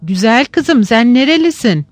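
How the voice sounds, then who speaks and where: A man's voice: extremely high pitch, very animated, moderate pace, dry recording, pitched above the performer's own voice. A man voicing a frail, deaf old aunt with a thin, reedy voice, chatty and kindly. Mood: curious.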